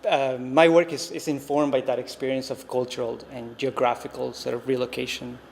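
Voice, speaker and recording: A Costa Rican man in his thirties, a native Spanish speaker, gives an artist talk as a visiting artist, reflective and hesitant with plenty of ums and restarts. His voice is medium-pitched, level, fairly quick, and creaky. The reverberant gallery produces a long-reverb hall sound with faint noise.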